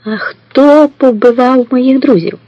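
A man voicing a young woman who asks soft, eager questions, in a storybook reading. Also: high voice, animated, fast, vocal fry, slightly rough, no echo, highs cut off, full character voice. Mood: curious.

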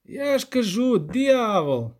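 A man voicing a gruff, hesitant peasant village elder who rambles in folksy country speech. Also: very high-pitched, very animated, slow pace, a little mellow, pitched above the performer's own voice, heavily acted. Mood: rambling.

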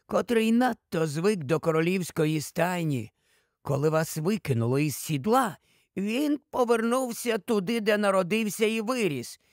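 A learned old scholar explains things calmly and at a measured pace, as a man voices him. The voice is high-pitched with a slight rasp, recorded dry and close. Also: dry recording, full character voice. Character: learned old male scholar, calm and careful.

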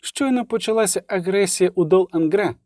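A man voicing an excitable, talkative man who rushes through grim news. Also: high voice, dry recording, studio quality, pitched above the performer's own voice, close to an everyday voice. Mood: agitated.

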